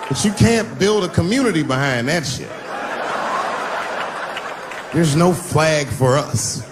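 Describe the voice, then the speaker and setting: A man's voice: fairly high pitch, animated, slow, crowd noise. A man doing a stand-up comedy set at a live show, telling a story and acting out the voices of the people in it. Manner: storytelling, acts out quoted voices. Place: live venue with laughing audience. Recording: live show, faint background noise, laughter. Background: audience laughter.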